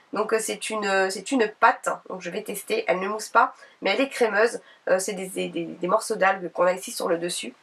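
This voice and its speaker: Chatty woman, slightly husky, from camera distance. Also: medium pitch, fairly bright tone. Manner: chatty, many fillers and restarts. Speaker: beauty vlogger. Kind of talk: casual haul video, showing products. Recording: distant home camera recording.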